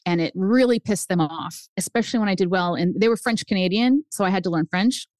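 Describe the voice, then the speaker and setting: A woman in her fifties from the United States, whose first language is Spanish, appears as a guest author and tells her family story in an interview. She speaks briskly and animatedly, and her voice swings up high for emphasis. The recording is dry and studio quality.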